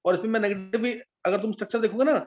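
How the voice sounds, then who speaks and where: In a live class, a man teaches chemistry, explaining patiently step by step and frequently checking that his students follow. His voice sits high and comes out rapid-fire, and the audio is dull and lo-fi.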